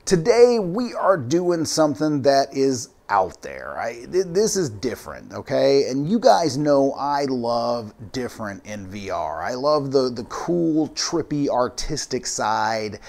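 A man's voice: mid-range voice, creaky, darkish tone. A man hosting a VR gaming channel with casual, playful, effusive, chatty commentary.

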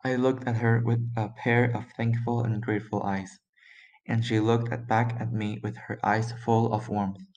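A man's voice: lowish voice, little pitch movement, moderate pace, darkish tone, muffled recording. A teenage boy reading his own historical story aloud for young children, in a plain voice with occasional stumbles. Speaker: student reader.

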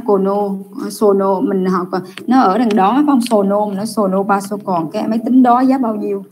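A young adult woman teaching an online class, correcting students' answers with patient, drawn-out explanations over a computer mic. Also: a little high, darkish tone.

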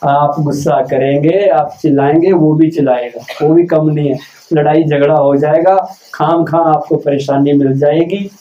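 A man delivers a spiritual lecture in a high but mellow voice, speaking slowly and deliberately. He puts rhetorical questions to the audience and repeats key lines for weight. The recording sounds dull and lo-fi. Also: steady tone. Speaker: keynote speaker at a spiritual camp.

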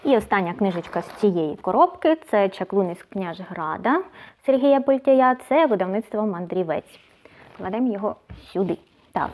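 A woman's voice: medium pitch, darkish tone, a little hiss or hum. Chatty woman book blogger sorting books. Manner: chatty, thinks aloud, often says "so" between items. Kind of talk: casual vlog, sorting books aloud.

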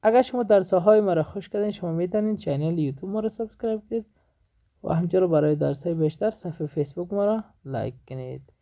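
Male language teacher with an Afghan Dari accent and a raspy, fry-edged voice, drawing out each English drill line before translating it. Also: high voice, lively intonation, warm tone, lo-fi sound. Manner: drills English questions slowly, then translates. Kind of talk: language lesson.

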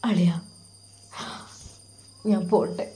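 A woman voicing a heartbroken, self-sacrificing young man speaking in a hushed, sorrowful tone. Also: mid-range voice, moderate pace, natural voice. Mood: grieving, hushed. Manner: hushed, sorrowful inner monologue.

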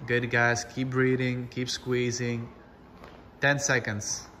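Bright-voiced, unhurried male workout instructor. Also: mid-range voice, completely flat delivery, long reverb tail, a little hiss or hum. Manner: encouraging, short commanding cues. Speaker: fitness class instructor. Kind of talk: instructing a home workout class with cues and countdowns.

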